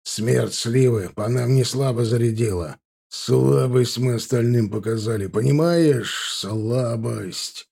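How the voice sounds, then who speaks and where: A coarse, hot-tempered crime boss, voiced by a male audiobook reader, barking orders in a gravelly voice. He is blunt and bossy. The tone is dark and husky. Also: mid-range voice, slow, exaggerated voice. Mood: demanding.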